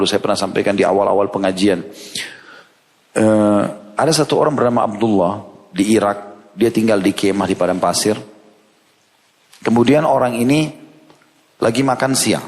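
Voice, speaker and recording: A man preaching an Islamic sermon, retelling a story with lively quoted dialogue and shifting his pitch for each character. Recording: long hall reverb.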